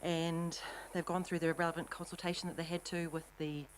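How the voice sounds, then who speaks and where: A woman's voice: on the low side, level tone, fairly quick, a little hiss or hum, rough recording. A woman with a New Zealand accent presents an item to a council meeting. She is slightly out of breath.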